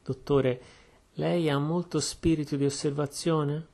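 A man voicing a shrewd, calm Belgian detective who speaks in a measured, deliberate way. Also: on the high side, creaky, voice pushed up. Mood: calm, probing.

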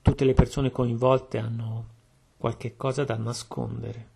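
A man voicing a shrewd, calm Belgian detective who speaks in a measured, deliberate way. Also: medium pitch, gravelly, slightly rough, full character voice. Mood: calm, probing.

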